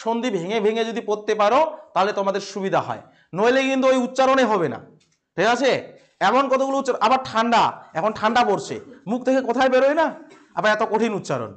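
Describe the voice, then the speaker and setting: A man with a West Bengal accent teaching a classroom grammar lesson, asking questions and answering them himself, stressing key words slowly and repeating them. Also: extremely high pitch, animated.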